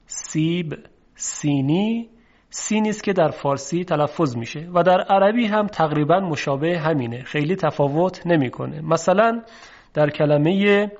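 Persian guy teaching quran letter sounds, kinda high voice, slow and careful, dull lo-fi audio. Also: a little mellow. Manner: slow, measured explanation with drawn-out example words. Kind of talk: recorded lesson on Arabic letter pronunciation. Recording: dull lo-fi recording.

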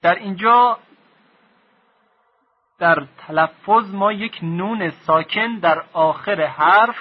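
Man, Quran recitation teacher, slightly high voice, husky, dull lo-fi recording, slow repetitive drilling. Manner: slow, repeats definitions, drills sounds aloud. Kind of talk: recorded lesson.

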